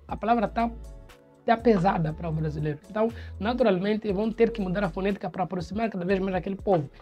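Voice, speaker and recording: A man's voice: sits high, a little mellow. A man from Mozambique with a Mozambican Portuguese accent, giving opinion commentary on his channel in an explanatory way. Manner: explanatory, imitates accents in quoted examples.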